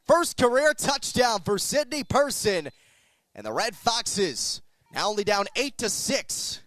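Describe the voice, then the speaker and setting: A man gives radio play-by-play sports commentary, his clipped running descriptions ready to burst into excited calls. His voice sits high, and there is no echo.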